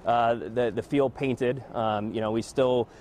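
A man's voice: medium pitch, steady tone, a little slow, a little mellow. A man in an indoor stadium answering interview questions hesitantly, with many fillers, as an event organizer.

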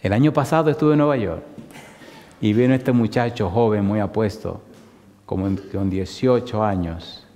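A man, a pastor telling stories in a lively sermon and acting out the people in them. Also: fairly low pitch, normal speed. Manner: lively storyteller who acts out the people in his stories. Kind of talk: storytelling sermon. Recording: long reverb of a large hall.

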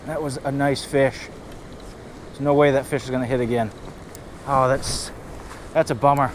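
Filmed on a head-mounted action camera, a fishing vlogger with a New England accent gives upbeat play-by-play of fishing a river from a rocky riverbank. His mid-range voice holds a steady tone at normal speed in this casual outdoor narration to camera. Faint river and wind noise sit in the background.

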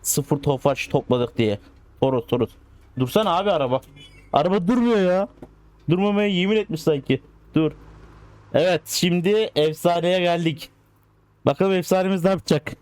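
A man giving casual, excitable commentary while playing a driving game, coaxing the cars along as if they were pets. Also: sits high, moderate pace, long pauses. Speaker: gaming channel host.

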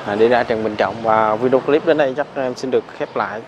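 A man's voice: medium pitch, fast. A man with a southern Vietnamese accent giving a casual, hesitant walking tour as a vlogger. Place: outdoors, apartment stairways and narrow alleys. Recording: noisy outdoor street ambience, animals, vehicles.

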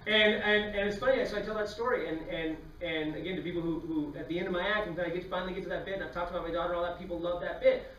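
A man with a high, bright voice tells comic stories at a quick clip, acting out voices as he goes. He is heard from a distance in an echoey hall, with faint room noise behind him. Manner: animated, acts out voices while telling stories. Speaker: comedian giving a talk. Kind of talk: storytelling comedy talk. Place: lecture hall with a live audience.

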